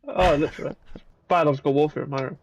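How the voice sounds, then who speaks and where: A man's voice: on the high side, steady tone, fast talker, slight background noise. A man with a South Wales Valleys accent in casual, sweary, joking banter. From Caerphilly, Wales. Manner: sweary, joking, laughs often.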